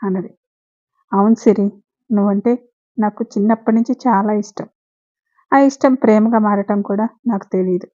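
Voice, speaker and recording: A woman's voice: medium pitch, fairly even intonation, normal speed, long pauses, mellow, dull audio. A woman hosting a storytelling channel, reading a love story aloud and voicing all the characters in her own voice. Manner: reads every character's lines in her own voice. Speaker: storyteller host.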